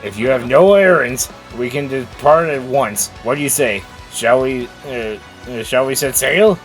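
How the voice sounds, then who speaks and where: A man voicing a pompous, excitable merchant ship owner in a video game, grandiose and theatrical. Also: medium pitch, a little slow, soft background music, natural voice. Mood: pleased, pompous.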